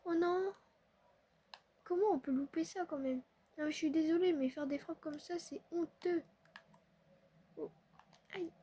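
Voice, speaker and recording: A young woman chatting excitably to her viewers while playing a football video game. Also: very high voice, unhurried, pauses often. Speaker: gaming streamer. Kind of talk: casual live commentary on a football video game.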